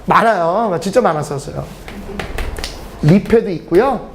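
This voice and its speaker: Speaking at a measured pace in a high male voice with a little hiss or hum, a middle-aged man lectures an English class. He tells joking stories in an animated way, frequently breaking into laughter mid-sentence and between lines.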